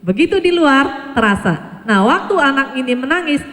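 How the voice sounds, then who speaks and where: High-voiced woman lecturing in a hall. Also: lively intonation, moderate pace, fairly bright tone. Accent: Indonesian. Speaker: Buddhist nun speaker. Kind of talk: public talk on parenting. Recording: hall reverb.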